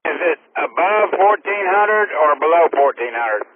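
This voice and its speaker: A man's voice: a little high, expressive, measured pace, phone-quality sound. A man on a ham radio net, chatting casually in a folksy, joking way, heard over a mistuned radio transmission. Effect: noisy mistuned ham radio transmission. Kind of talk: casual on-air chat. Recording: crackly, distant ham radio with static.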